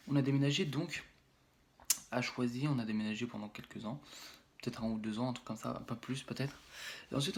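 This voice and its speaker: On his vlog, a young Frenchman with a French accent and a medium-pitched voice tells a personal story. He rambles, full of fillers and restarts, and acts out blows using sound words.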